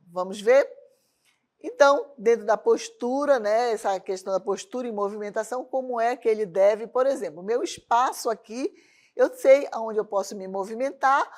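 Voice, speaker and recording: A woman teaching a televised arts lesson, often checking in with the class through rhetorical questions. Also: fairly high pitch. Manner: asks rhetorical questions to the class, tag questions like "certo?". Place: lesson studio with a loom as a prop.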